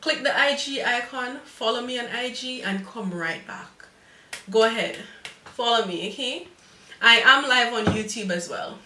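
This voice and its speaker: A woman's voice: on the high side, measured pace, pushed and bright, reverberant, distant mic, a little hiss or hum. A woman with a Jamaican accent hosting a live cake-decorating tutorial, chatty and motherly as she gives viewers advice and calls them darling.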